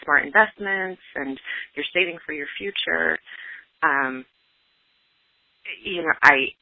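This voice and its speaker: A man's voice: on the high side, slow, no echo. Hesitant man on a tinny phone line. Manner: hesitant, full of fillers and restarts. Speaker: caller asking a question. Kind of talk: casual question on a podcast.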